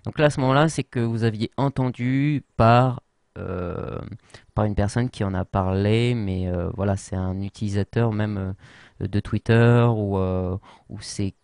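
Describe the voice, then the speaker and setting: Male tutorial host, low voice, hesitant and filler-heavy, writing as he talks; dry close sound. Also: steady tone, a little slow, a little mellow, dry recording. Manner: hesitant, many fillers and restarts. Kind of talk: casual tutorial explanation. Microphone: worn mic.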